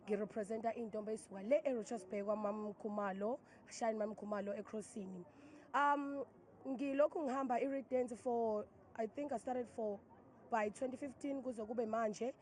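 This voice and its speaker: A woman's voice: a little high, fairly even intonation, brisk, a little mellow, slight background noise. A young woman with a Zulu accent from South Africa, giving interview answers as a festival participant. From Richards Bay, KwaZulu-Natal, South Africa. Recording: faint background ambience on location.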